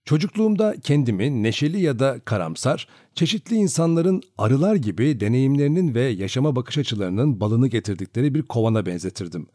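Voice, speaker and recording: A man narrating a novel as an audiobook, with expressive storytelling. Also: medium pitch, fairly quick, hardly any pauses.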